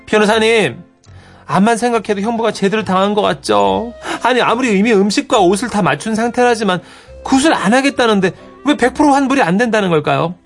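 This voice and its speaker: A male radio host reading a listener's letter aloud in a lively storytelling manner. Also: high-pitched, a little fast, soft background music.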